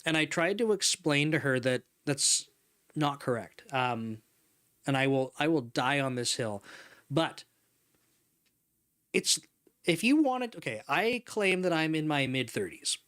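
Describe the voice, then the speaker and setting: Unhurried and pausing often, a man in his thirties hosts a relaxed livestream from his neon-lit home studio with a couch, laughing a lot and reading chat messages aloud for long stretches. His fairly high, bright voice swings widely in pitch into the desk mic in front of him.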